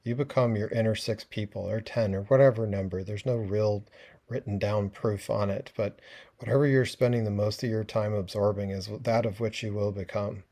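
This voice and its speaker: A man presenting a talk on a video call, relaxed and conversational with frequent fillers. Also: on the low side, moderate pace. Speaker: webinar presenter. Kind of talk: casual educational talk.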